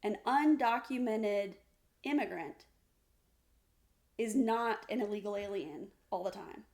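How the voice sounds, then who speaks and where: Gravelly woman arguing insistently. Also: medium pitch, unhurried, darkish tone. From United States. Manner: insistent, explains by analogy. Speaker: podcast co-host. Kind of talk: casual debate.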